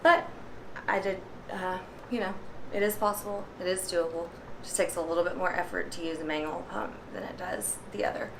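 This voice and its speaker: A woman vlogger talking casually through a repair demonstration, out of breath from working a hand pump and filling pauses with ums. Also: lowish voice, steady tone, gravelly, background noise. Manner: chatty, many ums, pauses while pumping.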